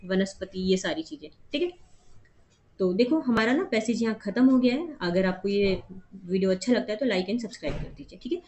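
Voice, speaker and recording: A woman's voice: medium pitch, lively intonation, moderate pace, a little mellow. A female teacher explaining a reading comprehension passage step by step, mixing Hindi and English. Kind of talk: exam-prep lesson.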